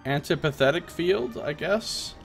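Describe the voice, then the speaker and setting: A man's voice: fairly high pitch, lively intonation, a little slow, gravelly, faint music behind. A man streaming a video game with casual live commentary and wry asides.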